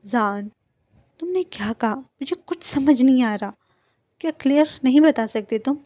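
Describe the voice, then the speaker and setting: A woman's voice: sits high, lively intonation, measured pace, warm tone, no echo. A woman voicing a doting, teasing young man who coaxes his partner patiently. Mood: exasperated. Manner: coaxing, patient.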